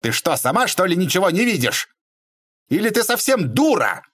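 A man voicing an irritable middle-aged shop owner who snaps and shouts when pushed. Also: mid-range voice, sing-song, normal speed. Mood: shouting. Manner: exasperated, shouting.

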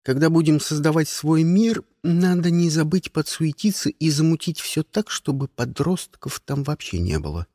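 Male audiobook narrator, first person, sardonic, animated delivery, dry close mic. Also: fairly high pitch, normal speed, few pauses, dry recording. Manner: wry, sardonic storytelling.

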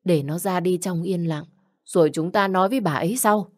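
A woman's voice: on the low side, a little fast, lightly acted. Woman voicing a stern old father. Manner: gruff, lecturing, old-fashioned sayings. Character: stern elderly father, blunt and commanding.

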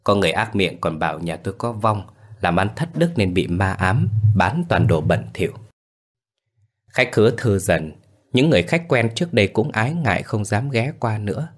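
A man narrating a ghost story in a somber, measured way. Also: on the low side, animated.

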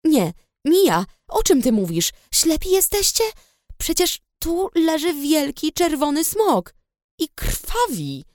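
A woman's voice: high-pitched, animated, moderate pace, darkish tone, no room sound, clean studio sound, pitched above the performer's own voice. A woman reading the lines of a frightened, stubborn teenage girl who rides a dragon, urgent and pleading. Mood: outraged.

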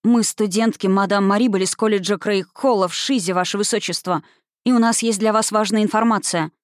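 A woman's voice: medium pitch, steady tone, brisk, dry recording, studio quality, lightly acted. A woman narrator voicing a stubborn, earnest young female student in an audiobook, speaking firmly. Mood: defiant. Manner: firm, defiant, earnest.

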